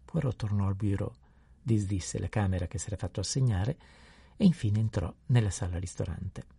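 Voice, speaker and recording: A man calmly narrating a novel in an unhurried reading voice. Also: on the low side, gravelly, husky, no room sound. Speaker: audiobook narrator.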